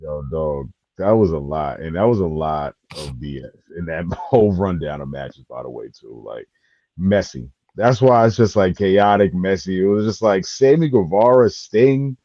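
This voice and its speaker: A man co-hosting a podcast in casual chat, slangy and excitable. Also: deep voice, moderate pace, no room sound, highs cut off. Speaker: podcast co-host.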